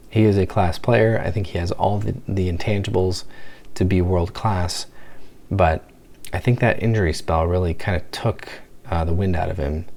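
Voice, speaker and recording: A man hosting a football fan channel, giving a casual match reaction in a hushed, half-whispered voice from home at night, rambling with many restarts. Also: deep voice, vocal fry, a little hiss or hum.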